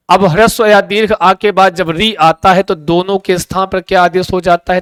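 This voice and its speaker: A man teaching an exam-prep grammar lesson in a high, clear, smooth voice. He keeps asking the class questions, answers them himself, and repeats the key sounds over and over. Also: fairly bright tone.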